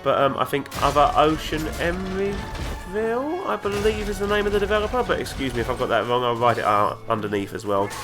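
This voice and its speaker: A man's voice: a little high, brisk, hardly any pauses. Chatty man with a flu-stuffed voice. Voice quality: nasal from a cold. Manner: chatty, rambling, enthusiastic. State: congested with flu. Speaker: gaming video host. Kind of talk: let's play commentary. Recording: game music playing underneath. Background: game music and sounds.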